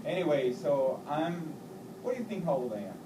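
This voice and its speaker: An Austrian airline pilot in his 40s, with a fairly high voice at normal speed, gives a playful talk to children, lively and teasing as he quizzes them. The recording is roomy with a distant mic and a loud crowd and background noise.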